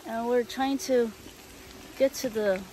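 Slow, chatty woman vlogging a cave walk. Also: fairly high pitch, steady tone, dark tone, slight background noise. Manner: chatty, hesitant, with many ums and small laughs. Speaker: travel vlogger. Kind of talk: casual travel vlog narration. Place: outdoors in a rainforest and inside a lava cave.

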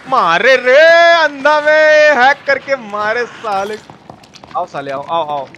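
Very high-pitched and expressive, this man speaks slowly with a sharp tone on lo-fi audio. Over clear background noise and game ambience, he offers crude, casual live commentary on his gameplay, chatting with viewers and shouting out the chat.

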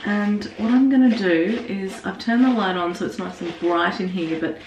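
Talking at normal speed in a darkish, mid-range voice, a woman walks through a wig-styling tutorial in a chatty way as she works. The mic is far off in a small echoey bathroom, so the sound is muffled with slight background noise.

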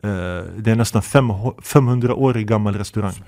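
A man in his fifties, a guest imam, telling lively stories with laughter and Arabic phrases sprinkled in. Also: lowish voice. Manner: animated anecdotes with laughter, Arabic phrases mixed in. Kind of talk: podcast interview storytelling.

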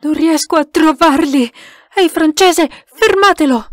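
A woman reading an audiobook aloud, voicing a desperate gentleman who barks urgent orders. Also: on the high side, moderate pace, dry recording, studio quality, close to an everyday voice. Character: desperate commanding English gentleman.

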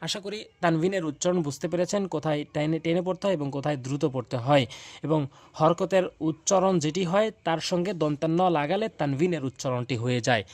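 A man's voice: on the high side, brisk, darkish tone, no room sound. A man teaching Quran pronunciation in a lesson, patiently explaining and drilling syllables one by one, with a Bangladeshi Bengali accent.

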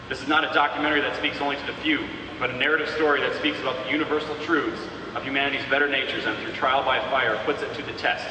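An American man delivering a solemn, rhetorical speech to an audience in deliberate, oratorical phrases. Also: medium pitch. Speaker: public speaker, film-maker. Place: large room with an audience. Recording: echoey hall, distant mic, noisy.

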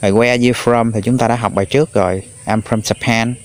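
A man teaching an English lesson to children, repeating each new word slowly three times for the class to echo. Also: medium pitch, fairly even intonation. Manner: drills words slowly in threes for pupils to repeat.

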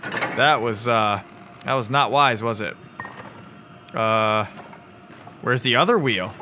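A man playing a video game, narrating casually with self-mocking jokes, swearing and sudden excited shouting. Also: mid-range voice, slow, slight background noise. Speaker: gaming video host. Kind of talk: let's play commentary.

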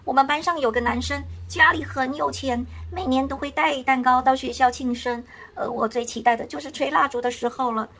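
A woman plays an elderly storybook great-grandmother, mischievous and a little sheepish, in a high voice. She makes her tender confession as if read to a small child. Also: steady tone, fairly quick, few pauses, a bit bright. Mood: apologetic, wistful.

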